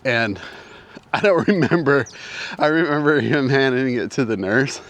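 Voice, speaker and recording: A man's voice: mid-range voice, a little slow, fairly bright tone. A man in his sixties telling a personal story in a casual, rambling way, out of breath and often repeating himself. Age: 60s. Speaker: vlogger. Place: outdoors with mountains in view.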